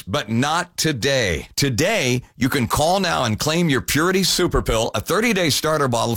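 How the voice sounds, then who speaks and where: A man's voice: fairly high pitch, fairly bright tone, no room sound, studio quality. A man hosting a paid radio infomercial, pushing the offer and repeating the phone number. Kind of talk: infomercial pitch.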